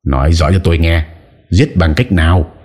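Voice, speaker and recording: Man reading a very deep, commanding husband. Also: moderate pace, slightly rough. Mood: interrogating. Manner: forceful, interrogating. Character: angry young husband, commanding and grief-stricken. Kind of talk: audiobook character voice.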